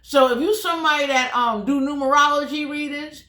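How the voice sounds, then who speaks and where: Woman, tarot reader, higher-pitched, mouth full of whitening trays, colloquial and emphatic, echoey room. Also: fairly even intonation, a little fast, pushed and bright. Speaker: tarot reader and channel host. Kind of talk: casual spiritual tarot reading to viewers. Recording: echoey, roomy sound.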